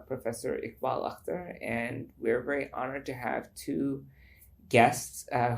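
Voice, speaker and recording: Gravelly man hosting with many fillers. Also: medium pitch. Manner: hesitant, many fillers, encouraging. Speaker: podcast host, professor. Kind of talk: casual academic interview.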